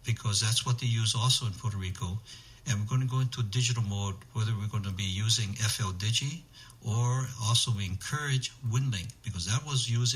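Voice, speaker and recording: Male interview guest, somewhat low pitch, methodical explainer, short listed phrases. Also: fairly bright tone, rough recording. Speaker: interview guest, amateur radio emergency organizer.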